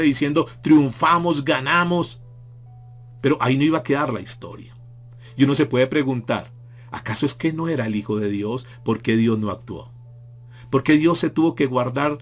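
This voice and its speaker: A male pastor preaching a sermon with emphasis, rising and falling as he acts out the mockers' taunts. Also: mid-range voice.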